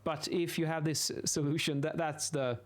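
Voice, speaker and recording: A Swedish-accented man in his thirties, with a fairly high voice and little pitch movement, is a video host and acoustics instructor. He sketches while explaining things informally and haltingly, often restarting words. He sits close to a boom-arm studio microphone in a small home office.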